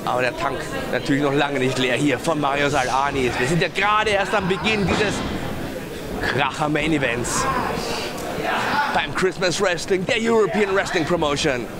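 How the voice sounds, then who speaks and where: A man giving live wrestling commentary in an excited, emphatic manner. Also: on the high side, normal speed. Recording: loud crowd noise throughout. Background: noisy live crowd.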